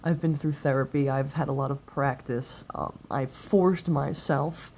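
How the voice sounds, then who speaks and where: A twenty-eight-year-old woman talks confessionally in a video about her experience of stuttering, in halting, broken-up phrases with an occasional stutter. Her voice is bass and darkish with fairly even intonation, captured on a noisy cell phone recording.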